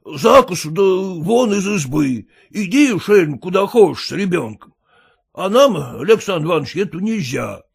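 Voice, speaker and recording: A man voicing an illiterate, clumsy peasant who pleads in rustic, halting speech with fillers. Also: high-pitched, sing-song, creaky, slightly rough, voice pushed up, full character voice. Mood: grumbling.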